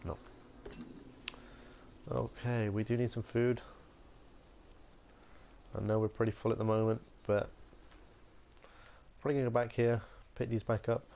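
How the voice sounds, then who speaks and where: A man's voice: medium pitch, little pitch movement, unhurried, creaky, pauses often, warm tone. A man giving casual let's-play commentary, chatty and playful, talking to himself as he plays. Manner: chatty, playful, talks to himself while playing. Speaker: gaming video host.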